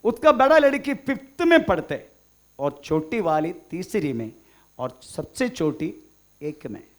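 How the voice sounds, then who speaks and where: A male pastor delivers a sermon, often breaking in with "praise the Lord" and "amen". His voice sits high and swings widely in pitch. He speaks in an unhurried, deliberate way. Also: sing-song. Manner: mixes English phrases, frequent "praise the Lord" and "amen" interjections.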